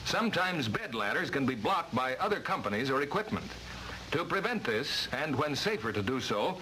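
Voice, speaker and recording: A vintage film soundtrack, full of noise, carries the voice of an American man at medium pitch narrating in 1950s instructional fashion. He sounds bright and forceful, with a lively, swinging lilt, reading formally and emphatically from what seems a training script.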